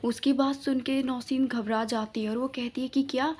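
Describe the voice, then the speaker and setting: A woman's voice: high voice, steady tone, normal speed, a little mellow, husky. A woman storyteller narrating a storybook tale in a plain, conversational way.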